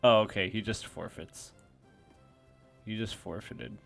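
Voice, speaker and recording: Man, lowish voice, casual match commentator, self-mocking asides, faint music underneath. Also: unhurried, gravelly. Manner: self-deprecating, thinks aloud, frequent restarts. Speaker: game commentator.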